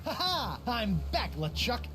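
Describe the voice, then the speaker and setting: A man's voice: very high voice, very animated, a little slow, full character voice. A young pirate hero for a comedic video game. He is quippy and naive, with a theatrical, very mobile delivery. Music plays behind his chatty wisecracks. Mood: cocky.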